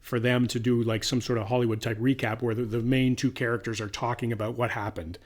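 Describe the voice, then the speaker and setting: Male podcast co-host, quick delivery, casual rambling review chat. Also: medium pitch. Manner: rambling, restarts, animated when retelling scenes.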